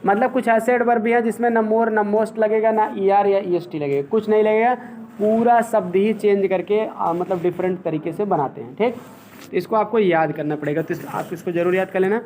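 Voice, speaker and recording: Male English teacher, high voice, patient step-by-step classroom explainer. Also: moderate pace, a little mellow, slight background noise. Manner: explains step by step, often checking with "ठीक है". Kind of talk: classroom grammar lesson.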